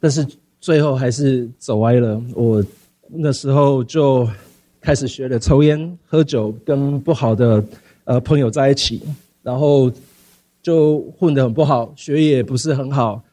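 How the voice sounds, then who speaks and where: Mellow-voiced man telling his story. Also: medium pitch. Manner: halting, many fillers and repeated words, slips into English. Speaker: speaker sharing a personal testimony. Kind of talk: personal storytelling.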